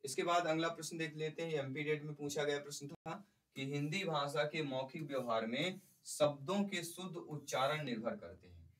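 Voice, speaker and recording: A man's voice: a little high, a bit bright, far from the mic, poor audio. A male teacher giving an exam-prep lecture, explaining by repeating points and putting questions to the class.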